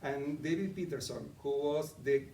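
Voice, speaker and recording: A middle-aged Argentinian man coaches a live audience conversationally, asking them questions. His voice sits a little high and is mellow at a moderate pace, recorded from a distance in an echoey meeting room with faint ambience and a little hiss or hum.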